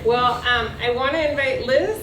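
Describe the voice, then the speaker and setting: A woman's voice: high-pitched, normal speed, background noise. A woman hosting a community event, speaking informally to the people gathered. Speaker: community program host. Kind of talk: informal public presentation. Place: echoey indoor room. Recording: echoey room, distant mic, music.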